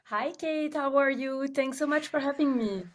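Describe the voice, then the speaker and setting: A woman's voice: sits high, moderate pace. Belgian-accented woman telling her story. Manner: lively storyteller with many filler ums. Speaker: guest, company CEO. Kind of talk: casual interview chat.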